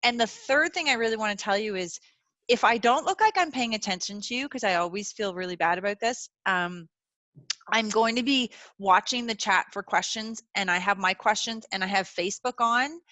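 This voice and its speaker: A woman hosts an online webinar in a relaxed, chatty way, filling her talk with "like" and "you know" as she reassures her guests. Her voice is bright and lively. The sound is dry and close, as on a video call. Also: medium pitch, normal speed, no room sound. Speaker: webinar host. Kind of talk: casual chat.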